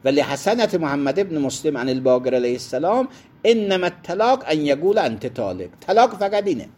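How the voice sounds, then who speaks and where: A man with a slightly high, very animated, darkish voice lectures a seminary class on Islamic jurisprudence. He quotes Arabic legal texts, glosses them, and pauses to explain and define terms.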